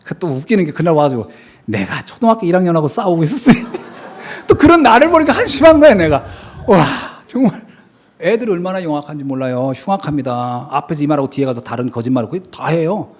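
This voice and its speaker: A middle-aged man preaches a sermon in a church sanctuary. His voice sits high and swings widely in pitch. He tells stories animatedly, laughs often and drives points home by repeating them. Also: fairly quick. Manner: animated, storytelling with laughter and emphatic repetition. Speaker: pastor.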